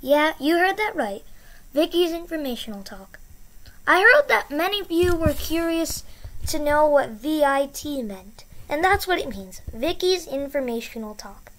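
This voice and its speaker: A woman's voice: high-pitched, animated, measured pace, fairly bright tone. A woman hosting her own educational channel, explaining a topic in a chatty, encouraging way and repeating key words for emphasis. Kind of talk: casual explainer.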